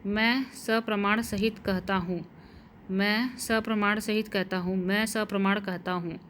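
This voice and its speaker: A woman in a mid range gives a grammar lesson at a very unhurried pace. She repeats each word and sentence several times, spelling out vowel marks as if dictating to students. A faint noise sits under her voice. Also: mid-range voice, steady tone, a bit bright. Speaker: Hindi grammar teacher. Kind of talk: slow dictation-style lesson.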